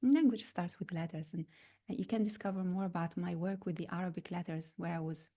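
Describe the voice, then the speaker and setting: A woman from North Africa gives a reflective spiritual talk, slow and searching, with many pauses and fillers. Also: on the low side, dark tone. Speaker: spiritual teacher.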